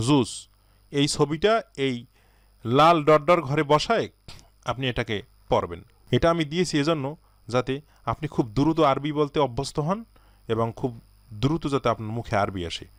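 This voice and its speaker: A man with a slightly high voice is recorded dry and close. He teaches an Arabic lesson, drawing each phrase out slowly before rattling through the explanation. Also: no room sound.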